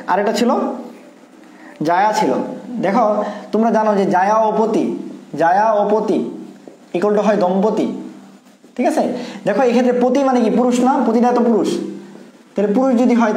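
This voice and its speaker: A man with a high, quick voice goes through test questions one by one. He repeats key points and keeps asking whether his students follow. The sound carries noticeable room echo. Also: a little mellow. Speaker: admission test tutor. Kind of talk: exam answer walkthrough.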